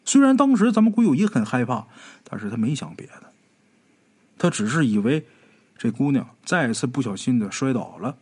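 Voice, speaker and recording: A man narrating a ghost story in a dramatic, animated storytelling manner. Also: medium pitch, moderate pace, slightly rough.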